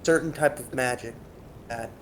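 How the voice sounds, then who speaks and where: A man playing a tabletop role-playing game, answering in character in a soft, hesitant way. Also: medium pitch, normal speed, noisy background. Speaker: player.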